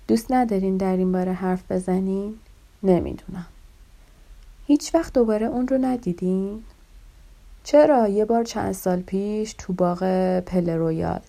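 A woman with a lowish, gravelly, mellow voice reads a story, speaking the dialogue softly and intimately. Faint music plays under her. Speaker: audiobook reader.

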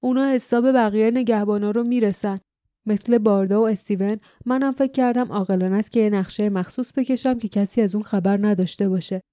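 A woman voicing an offhand male rebel leader in an audiobook, speaking briskly. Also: medium pitch, warm tone, no room sound, studio quality, natural voice. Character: older male resistance leader, cool and offhand.

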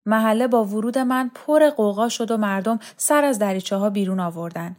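A woman narrating a novel aloud as an audiobook reader, calm and measured. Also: mid-range voice. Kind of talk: scripted literary narration.

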